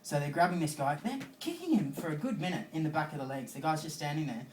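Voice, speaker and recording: A man's voice: a little high, lively intonation, fast talker, a little mellow. An Australian man doing a stand-up comedy set, telling a rambling story loosely, with fillers and swearing. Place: comedy venue stage. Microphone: phone recording from the audience. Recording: roomy, distant phone recording with faint noise.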